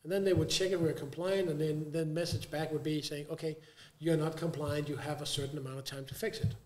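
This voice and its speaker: A man's voice: fairly high pitch, steady tone, brisk, darkish tone. A man on a panel, explaining points casually with everyday images and repeated words. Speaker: guest panelist. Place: live conference venue. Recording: echoey live event recording.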